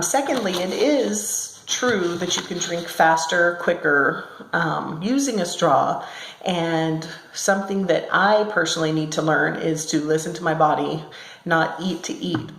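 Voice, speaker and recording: A woman talks casually to her viewers, pausing on ums and correcting herself as she goes. Her voice sits a little low. She is recorded in a small room at work, and the echo rings around her words. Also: fairly even intonation, creaky. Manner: chatty, with many ums and self-corrections. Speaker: vlogger. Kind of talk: casual talk to camera. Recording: echoey room sound.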